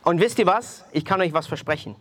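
A man preaching, telling a testimony in an animated storytelling way and speaking straight to his listeners. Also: high voice, brisk, a crowd in the background, noisy background. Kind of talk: sermon testimony.

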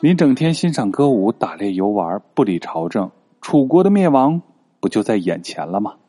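A man's voice: lowish voice, very animated, moderate pace, dark tone, slightly rough, faint music behind. A man voicing a loyal minister who speaks plainly to his king. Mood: grieving. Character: loyal grieving male minister, blunt and earnest.

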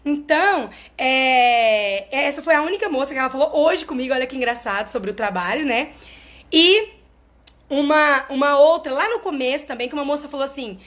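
Speaking to her followers, a therapist with a high-pitched, fairly bright voice explains things in a casual, chatty way. She's expressive, keeps a moderate pace, and regularly checks in with her listeners.

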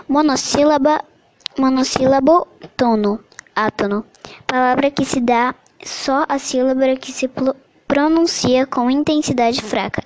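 A woman reading a Portuguese grammar summary aloud as a lesson, halting often and correcting her own slips. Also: sits high, a little mellow, rough recording. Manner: slow, halting reading with restarts and self-corrections. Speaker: teacher reading a study summary.

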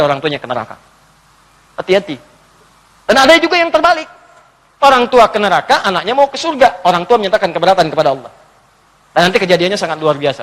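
A man preaching a sermon in a mosque hall. He questions his listeners and swings between emphatic urging and hushed lines. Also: sits high. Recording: long hall reverb.

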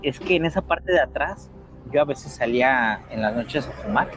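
A man's voice: mid-range voice, expressive, normal speed, noisy background. A man with a Mexican accent telling paranormal stories in a casual chat, acting out quotes and sound effects. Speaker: storyteller guest.

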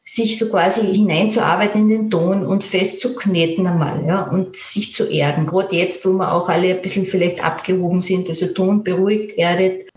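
Woman, calm and gentle, slightly low voice, roomy echo. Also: moderate pace, few pauses. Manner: calm, gentle, with fillers and restarts. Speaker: creative therapist guest. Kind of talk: guided imagery, then interview answers.

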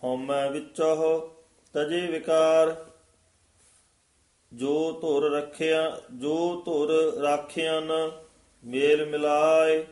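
Slow, flat-voiced man chanting in a roomy space. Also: a little high. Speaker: student reciting scripture. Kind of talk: sung scripture recitation.

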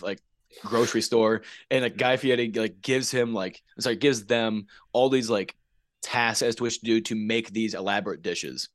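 A man's voice: medium pitch, dry recording, clean studio sound. A young man hosting a casual podcast chat, ranting with lots of swearing and laughter. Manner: animated, swearing, laughing rants. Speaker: podcast host.

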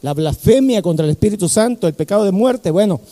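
A man's voice: sits high, lively intonation, fast, mellow, big-room sound. A man preaching a fervent sermon, repeating key phrases and calling the congregation 'brother'.

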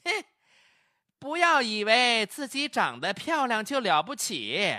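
A man's voice: very high-pitched, huge pitch swings, unhurried, sharp tone, no room sound, clean studio sound, voice pushed up, heavily acted. A man voicing a haughty, domineering middle-aged woman customer who sneers.

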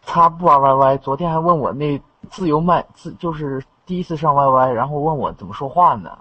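A man's voice: fairly high pitch, a little fast, slight background noise. A young man chatting casually as a caller in an online voice chat. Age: young adult. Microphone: online voice chat microphone. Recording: dull, lo-fi voice-chat line.

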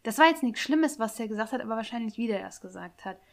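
A woman's voice: a little high, lively intonation, fast, creaky. A young woman chatting casually and retelling a story with lots of tag questions and acted-out quotes. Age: young adult.

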